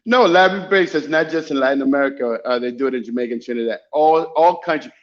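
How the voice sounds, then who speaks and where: A man's voice: mid-range voice, fast. A man with a Dominican-influenced accent chatting casually and telling stories emphatically, often repeating phrases to make his point. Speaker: guest, travel YouTuber. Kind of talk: casual chat, animated storytelling. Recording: dull lo-fi call audio.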